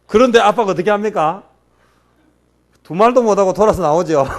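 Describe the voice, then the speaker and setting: A middle-aged man preaching a sermon as a pastor, asking rhetorical questions and answering them himself. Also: fairly high pitch.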